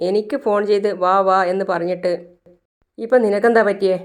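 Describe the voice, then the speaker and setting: Brief: a firm, protective young husband, read plainly by a storyteller, pressing with questions, smooth clear tone. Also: medium pitch, fairly even intonation, a little fast, close to an everyday voice. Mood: insistent.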